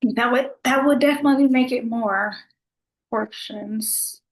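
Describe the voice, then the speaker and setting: Soft-spoken woman chatting casually. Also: unhurried, low-quality recording. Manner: soft-spoken, low volume. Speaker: vlogger. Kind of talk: casual food vlog chat.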